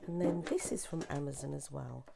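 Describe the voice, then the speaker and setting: Hoarse, gravelly woman. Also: low-pitched, brisk, heavy background noise. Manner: chatty, meandering, with many restarts. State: hoarse from a sore throat. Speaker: papercraft demonstrator. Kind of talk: craft tutorial.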